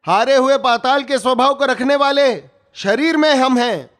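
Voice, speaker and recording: A man's voice: extremely high pitch, measured pace, a bit bright. A middle-aged man preaching a sermon, telling a story with drama and acting out the voices he quotes.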